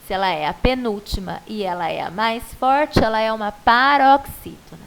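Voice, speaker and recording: A woman's voice: a little high, moderate pace, gravelly, clean tone, poor audio. A Brazilian woman primary school teacher giving a patient, coaxing video lesson to a child, stretching out syllables to show stress.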